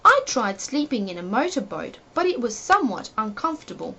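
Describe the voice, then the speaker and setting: Woman voicing an earnest, absurd storybook fellow, high-pitched. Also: sing-song, fairly quick, vocal fry, pushed and bright, breathy edge, full character voice. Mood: earnest, matter-of-fact. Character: cheerfully absurd, earnest male storybook character. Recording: dull lo-fi home recording.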